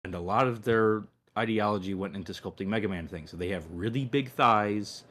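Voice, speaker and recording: A man co-hosting a casual live-stream chat, rambling and restarting his sentences, often trailing off quietly. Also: fairly low pitch, fairly quick. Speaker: co-host.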